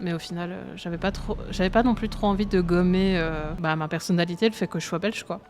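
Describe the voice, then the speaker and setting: A woman's voice: on the low side, fairly even intonation, fast talker, a little mellow, soft background music. A woman with a Belgian French accent, streaming a truck game live and chatting to her viewers with frequent laughter. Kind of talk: live gameplay commentary to chat.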